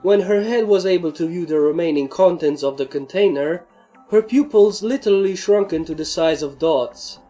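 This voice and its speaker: A woman narrating a fan story in the first person, with a steady, plain reading. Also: on the low side, moderate pace, faint music behind. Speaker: fanfic reader.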